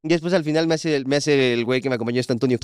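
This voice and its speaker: A man's voice: medium pitch, very fast, clear, resonant tone, dry recording, clean studio sound. A young man with a Mexican accent, co-hosting a casual podcast, who tells stories animatedly and acts out the lines of the people in them. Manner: animated storytelling, acts out quotes. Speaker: podcast co-host. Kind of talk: casual chat.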